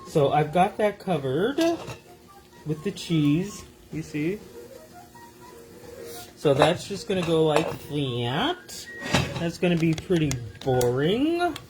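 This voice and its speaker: A woman's voice: sits low, sing-song, takes it slowly, long pauses, background noise. A woman chatting to viewers in her home kitchen as she cooks, rambling and a bit loopy from tiredness. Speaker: small business owner. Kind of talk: casual cooking vlog. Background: sizzling pan and music.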